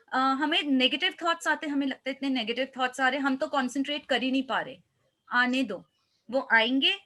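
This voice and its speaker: A woman's voice: high voice, bright, forceful tone. A woman, a life coach, speaking earnestly in a motivational interview and mixing in English phrases.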